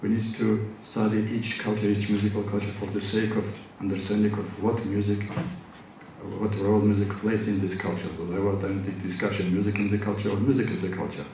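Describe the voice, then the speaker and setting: A Georgian man, whose first language is Georgian and who speaks with a Georgian accent, gives an academic conference lecture in a lowish, flat voice, a little fast, with many hesitations and restarts. He is recorded from far off in a large, echoey conference hall with a noisy background.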